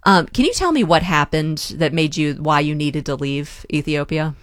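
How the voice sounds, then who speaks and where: A woman hosting a public radio interview show, calm and steady, reading scripted introductions and asking questions. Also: deep voice, moderate pace, no echo, studio quality. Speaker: radio host. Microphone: studio mic.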